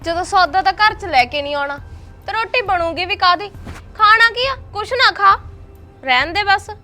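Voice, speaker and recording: A woman's voice: very high voice, animated, normal speed, faint music behind, exaggerated voice. A woman acting a fed-up young wife who works as a housemaid and scolds her husband in a short drama film. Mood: angry, defiant. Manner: sharp-tongued, scolding, taunting.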